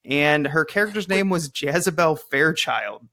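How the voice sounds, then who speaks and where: A man's voice: fairly high pitch, lively intonation, unhurried, pushed and bright. A man hosting a podcast, reviewing a movie in casual, jokey, rambling chat. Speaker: podcast host.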